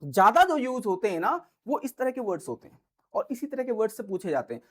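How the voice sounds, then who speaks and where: A man teaching grammar in Hindi, reading the examples slowly and often checking that viewers follow. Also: sits high, very animated. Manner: explains patiently, repeats "ठीक है" and "समझ रहे हो?", reads English examples slowly. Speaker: English teacher. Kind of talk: Hindi-English grammar lesson.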